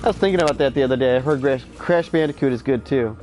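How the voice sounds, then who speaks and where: Talking very fast in a medium-pitched, slightly mellow voice, a sleep-deprived, stuffy man in his thirties rambles and curses while playing a game. The streamer is opinionated, and the poor audio carries game music behind his casual chatter.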